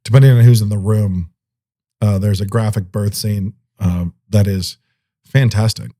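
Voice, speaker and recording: A man co-hosts a podcast in loose, casual conversation. He rambles and laughs easily, with a lowish, mellow voice. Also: fairly even intonation, normal speed. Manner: rambling, laughs often, chatty. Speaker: podcast co-host. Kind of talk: casual chat.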